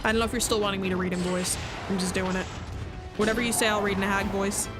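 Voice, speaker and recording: A woman's voice: mid-range voice, steady tone, fast talker. A young woman streaming a video game, chatting casually and jokingly with her chat. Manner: chatty, jokey, rambling asides to chat. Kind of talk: casual livestream chat while playing. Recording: game stream with loud music behind.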